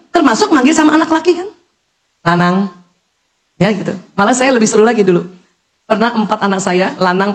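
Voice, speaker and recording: A middle-aged woman giving a lively, humorous religious parenting lecture to women, acting out calls and little scenes as she goes. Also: on the high side.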